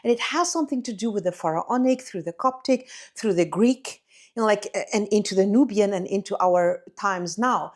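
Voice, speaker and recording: An Egyptian woman who speaks Arabic hosts a spiritual channel, addressing her viewers directly as beloved in an effusive, incantatory monologue. Her middling-pitched voice moves at normal speed as she stacks phrase upon phrase, filling the flow with plenty of "you know, like."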